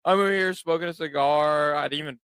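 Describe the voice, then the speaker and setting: A man's voice: fairly high pitch, quick pace, a bit bright, smooth, dry recording, rough recording. A man guesting on a podcast, chatting casually over drinks, stumbling over and repeating his words as he rambles.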